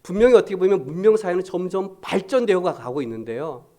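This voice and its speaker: A man preaching a Sunday sermon in a conversational way, alternately rising with emphasis and dropping to a soft, low voice. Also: very animated, quick pace. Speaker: pastor.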